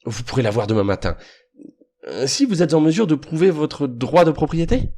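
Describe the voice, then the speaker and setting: A man's voice: fairly high pitch, expressive, moderate pace, dark tone, voice pushed up. A man putting on a cordial, sly detective. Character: sly, assured male detective.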